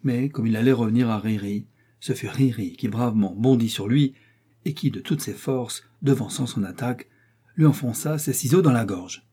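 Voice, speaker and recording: Brief: male audiobook narrator, dramatic reading, dark husky timbre. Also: medium pitch. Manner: measured, theatrical storytelling.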